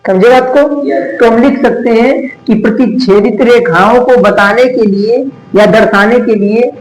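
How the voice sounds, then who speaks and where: Male tutor, high-pitched, call-and-response lecturing, roomy echo. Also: fairly even intonation. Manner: asks questions and answers them himself, repeating key terms slowly. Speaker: maths teacher. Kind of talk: classroom lecture. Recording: echoey room.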